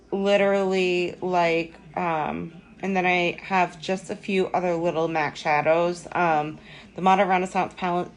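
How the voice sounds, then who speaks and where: Slow, gravelly young woman chatting on a live stream. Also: on the low side. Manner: rambling, self-deprecating, lots of ums and likes. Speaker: makeup tutorial host. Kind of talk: live-stream makeup tutorial, chatting with viewers. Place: home.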